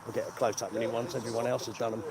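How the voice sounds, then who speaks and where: A man's voice: medium pitch, level tone, very fast. A cold, shivering man, giving blunt, sarcastic, sweary commentary to his phone camera outdoors. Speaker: vlogger filming a remembrance gathering. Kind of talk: casual live commentary to camera. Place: outdoors at a gathering. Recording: outdoor crowd noise behind.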